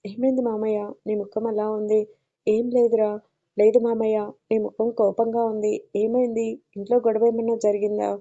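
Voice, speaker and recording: Woman voicing a possessive young man, commanding, flat mellow voice, dull lo-fi audio. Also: fairly high pitch, normal speed. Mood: concerned. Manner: commanding, threatening.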